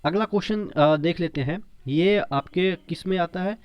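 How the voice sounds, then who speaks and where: A man's voice: high voice, normal speed, dry recording, dull audio. A man teaching an exam-prep science lesson, explaining step by step and repeating points with memory tricks and frequent check-ins.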